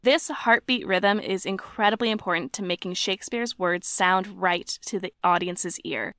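Woman co-host, mid pitch, playful scripted read, dry studio sound. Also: moderate pace, a bit bright, dry recording. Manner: playful, sounds out rhythms aloud. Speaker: podcast co-host. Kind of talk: scripted explainer narration.

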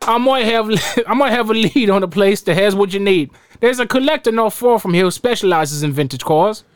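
A man's voice: sits high, animated, brisk. A man voicing a helpful car repair shopkeeper in a theatrical comedy skit reading. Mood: apologetic, helpful. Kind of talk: comedy skit read from a script. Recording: very noisy background.

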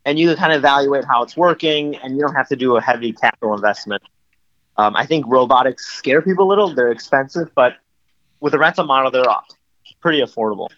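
A bright-toned man talks on speakerphone, his phone held away from his mouth. The line is dull and echoey and keeps cutting in and out. He explains at length with easy, filler-heavy phrasing. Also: medium pitch, quick pace. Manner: explanatory, conversational, many "you know" fillers. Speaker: guest. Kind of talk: casual interview.

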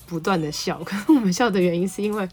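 A woman psychologist, telling a family story and reading a picture book aloud in a lively, laughing way. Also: medium pitch, fast talker, slightly rough, soft background music. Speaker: psychologist podcast host.

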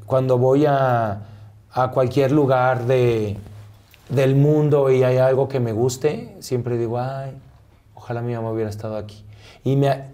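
Guy in his 30s telling a personal story softly, mellow warm tone, lots of ums. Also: mid-range voice. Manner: soft-spoken, halting, many fillers. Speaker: interview guest.

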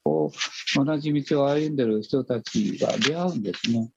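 An older man with a hoarse, raspy voice, earnestly giving conversational life advice and circling back over his key phrases. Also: medium pitch, normal speed, dull audio, background noise. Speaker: teacher and author, podcast guest speaker.

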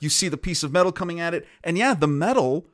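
A man co-hosting a podcast, walking through film shots methodically with halting restarts. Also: fairly high pitch, lively intonation, no room sound, studio quality. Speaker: podcast co-host. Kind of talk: casual film-discussion chat.

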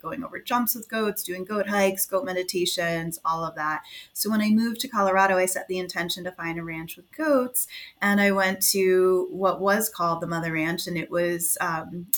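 Excited lady coach chatting away, says like a lot, kinda low voice. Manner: enthusiastic, gushing, lots of "like" fillers. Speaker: equine-partnered life coach, guest. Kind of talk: casual interview chat.

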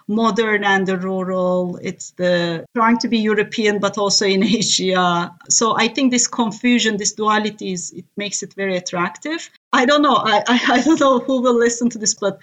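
A woman from Turkey, a native Turkish speaker with a Turkish accent, chats casually as a podcast guest in a conversational interview. Her voice is mid-range with a fairly bright tone.

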